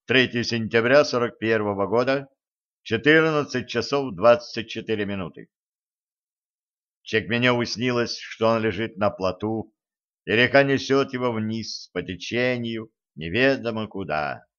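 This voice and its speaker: A man reading an audiobook aloud in calm, even scripted narration. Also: medium pitch, highs cut off. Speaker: audiobook reader.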